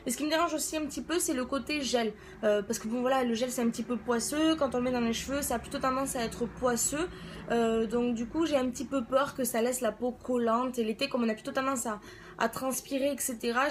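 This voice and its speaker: High-pitched woman. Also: steady tone, a little fast, a little hiss or hum. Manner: hesitant, conversational, thinking aloud. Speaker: beauty vlogger reviewing products. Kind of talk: casual spoken product review.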